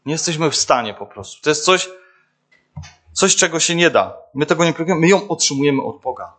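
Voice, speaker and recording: Young male preacher, slightly high voice, casual halting sermon full of fillers. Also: expressive, a bit bright. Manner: hesitant, many fillers and restarts, addresses listeners directly. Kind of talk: informal sermon.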